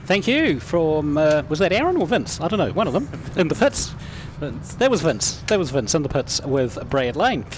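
A man's voice: fairly high pitch, big pitch swings, normal speed, few pauses. A man with a New Zealand accent doing conversational speedway commentary. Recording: loud track and vehicle noise behind.

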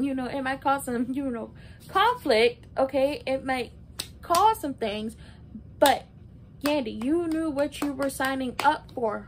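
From inside a small bedroom with a low rumble and room noise, a woman in her early twenties talks conversationally like a video blogger. Her recap commentary is casual, opinionated and emphatic.

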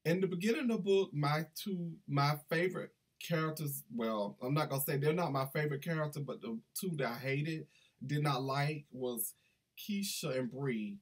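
Middle-aged man, husky-voiced book vlogger, eager and rambling, webcam in a small room. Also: fairly high pitch, normal speed. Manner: enthusiastic, chatty, digressive. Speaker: book reviewer. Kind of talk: casual book review vlog. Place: small indoor room with banners.

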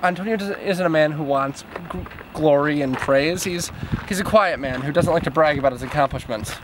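A young man chats casually with friends outside, his slightly high voice full of jokes and rambling asides. Heavy traffic and wind noise all but drown the recording. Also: a little fast. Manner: joking, rambling, many "like" fillers. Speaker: friend on a sightseeing trip. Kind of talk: casual chat among friends. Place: outdoors at a scenic overlook by a bridge.

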